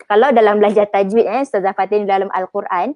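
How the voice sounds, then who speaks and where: A woman with a Malaysian Malay accent teaching Arabic pronunciation in a live online lesson, chatty, drawing example words out slowly. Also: medium pitch, steady tone, dark tone, dry recording, soft background music.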